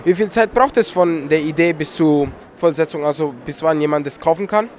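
A man's voice: on the high side, a little fast. A young man working as a youth radio reporter, asking casual interview questions on location. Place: busy book fair hall. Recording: clear crowd noise behind.

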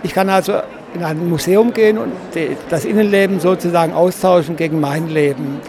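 A man giving an interview about his craft, explaining in deliberate, wordy, precise phrasing. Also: a little high, steady tone, a crowd in the background. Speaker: exhibitor and designer of paper models. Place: stand at a busy book fair. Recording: clear background noise of a busy fair.

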